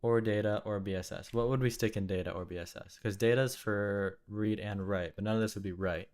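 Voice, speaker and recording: A young man thinking aloud while live-coding at his desk, musing and questioning himself in halting bursts. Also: on the low side, fairly even intonation, a little mellow. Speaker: programmer live-coding a compiler. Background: keyboard typing and clicking.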